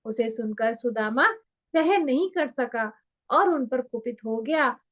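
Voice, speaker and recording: Slow, measured woman reading scripture aloud. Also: fairly high pitch, lively intonation. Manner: measured, deliberate recitation. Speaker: scripture reader and commentator. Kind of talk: reading a religious text aloud with commentary. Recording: dull lo-fi recording.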